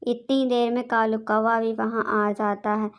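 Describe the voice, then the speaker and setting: A woman's voice: a little high, level tone, unhurried, clear, resonant tone. A woman narrating a children's cartoon story in a plain storytelling manner.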